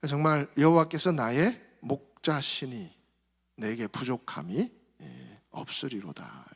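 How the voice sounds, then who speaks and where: A male pastor giving a sermon in a reflective, soft-spoken way, his phrases trailing off quieter. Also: medium pitch, expressive, takes it slowly, slightly rough. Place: church sanctuary. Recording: reverberant church hall.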